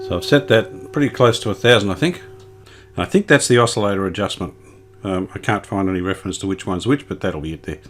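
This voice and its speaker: Talking fast in a low-pitched voice over music, the host of a radio repair video walks through a hands-on fix casually and without a script, reasoning aloud as he goes.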